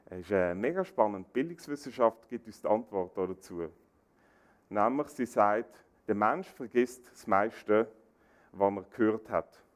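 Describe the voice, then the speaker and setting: A man preaching a sermon, animated, acting out quoted dialogue. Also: measured pace. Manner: animated, acts out quoted dialogue with rising pitch.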